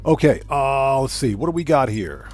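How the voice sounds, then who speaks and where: A man's voice: mid-range voice, very animated, normal speed, a little mellow, soft background music. A man hosting a live game stream, chatting casually with viewers and repeating himself for emphasis, over game noise.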